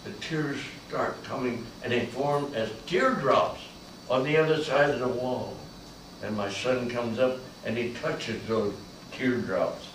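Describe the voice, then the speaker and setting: An older man, a veteran, performing a slow, emotional spoken-word monologue that swells to loud peaks on key lines. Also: medium pitch, slight background noise. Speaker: Vietnam veteran storyteller. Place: large echoey college room. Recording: echoey room from far off.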